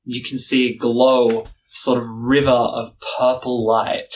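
A man narrating a tabletop game as game master, with dramatic, measured storytelling. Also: medium pitch, flat delivery, poor audio.

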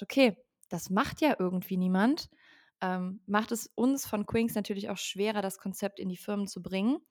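A woman's voice: mid-range voice, gravelly. A woman in her twenties, a company founder, speaking as a podcast guest and explaining fluently with frequent ähm fillers. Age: 20s. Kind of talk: podcast interview.

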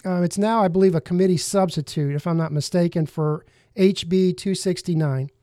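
A man hosting a talk show, speaking earnestly and pausing with fillers and restarts. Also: high voice, mellow, no echo, clean studio sound. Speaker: host.

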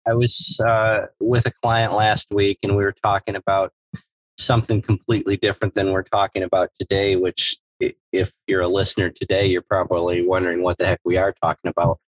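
A man co-hosting a business podcast, telling a story and acting out the dialogue with lively energy. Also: low voice, a little fast, low-quality recording. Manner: animated storyteller who acts out dialogue. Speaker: podcast co-host, former evaluator. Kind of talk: casual storytelling chat.

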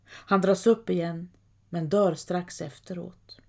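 A woman narrating a scripted historical story in a calm, measured way. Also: on the low side, vocal fry, a little hiss or hum.

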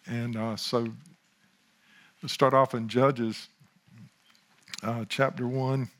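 A man's voice: mid-range voice, flat delivery, takes it slowly, fairly bright tone. A man, praying and then preaching informally, with chuckling asides and restarts. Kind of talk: sermon with opening prayer.

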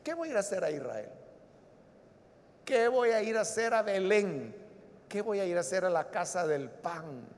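A man's voice: high voice, very animated, normal speed, long pauses. A man voicing an affectionate young widow who says goodbye in a cooing, sugary way. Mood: sweet. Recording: long reverb of a large hall.

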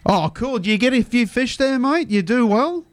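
A man's voice: very high-pitched, animated, moderate pace, no echo. An Australian man co-hosting a radio show, chatting casually in a matey, slangy way.

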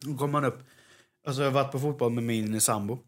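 A man's voice: medium pitch, steady tone. A man with a Jönköping Swedish accent, co-hosting a podcast in casual chat and animatedly mimicking other dialects. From Jönköping, Sweden. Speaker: podcast co-host.

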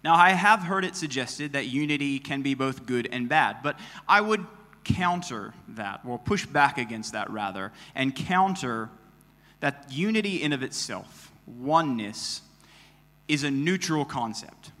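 Male preacher, bright mid-range voice, conversational and explanatory sermon delivery, long hall reverb. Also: mid-range voice, expressive, unhurried. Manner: explanatory, rhetorical questions. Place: church hall, live before a congregation.

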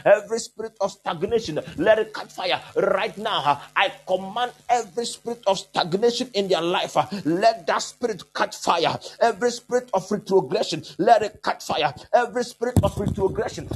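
A man preaching as a charismatic faith healer, shouting forceful, repetitive commands and declarations in a strained voice. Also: sits high, a little hiss or hum. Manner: repetitive, chant-like insistent phrasing. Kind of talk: charismatic prophetic sermon and prayer.

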